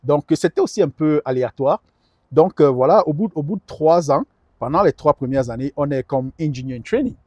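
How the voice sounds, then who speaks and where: A middle-aged man speaking earnestly in a sit-down interview, his voice sitting fairly high for a man. He stumbles and repeats words as he searches for them. The sound is dry and close, with no room echo. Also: expressive, brisk, darkish tone. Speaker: guest advisor on immigration. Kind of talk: conversational interview.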